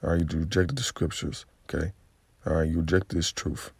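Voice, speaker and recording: A man with a very low, gravelly voice delivers a confrontational religious rant. He is profane and preachy and punctuates his lines with repeated tags. The sound is dry and close. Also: steady tone, a little fast, no room sound. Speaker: religious commentator.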